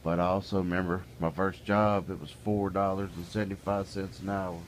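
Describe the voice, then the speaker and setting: Speaking a little fast and with a flat delivery, a middle-aged vlogger with a deep, low voice rants casually to the camera. His folksy, plainspoken talk grows heated and exasperated as it goes on. A faint hiss lies beneath the recording.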